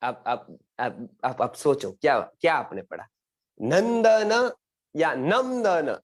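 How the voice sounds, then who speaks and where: A man's voice: mid-range voice, expressive, measured pace. A man teaching a Sanskrit class online, earnest and exhortative, often repeating questions to his students. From India.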